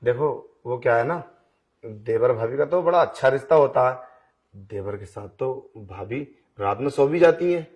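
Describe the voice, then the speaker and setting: A man's voice: mid-range voice, animated, normal speed, darkish tone, muffled recording, lightly acted. A man voicing a pushy blind young man in an audio drama, coaxing and insistent in his talk. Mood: wheedling. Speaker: voice actor. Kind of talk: Hindi audio drama acting.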